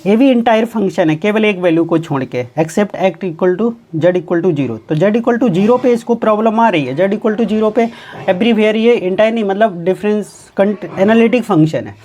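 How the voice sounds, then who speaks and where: A man teaching mathematics in a recorded exam-prep lecture. He asks himself quick questions and answers them, repeats key points, and slows right down to read definitions word by word. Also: high voice, warm tone. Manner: reads English definitions out slowly, word by word; repeats key points, often says "ठीक है".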